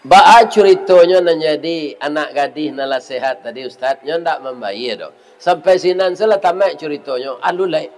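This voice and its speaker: A man's voice: a little high, moderate pace, poor audio. A man with a Minangkabau accent preaching, telling a story to his congregation and often turning to ask them for a nod of assent. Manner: lively storyteller, keeps asking the audience for assent. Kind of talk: sermon storytelling.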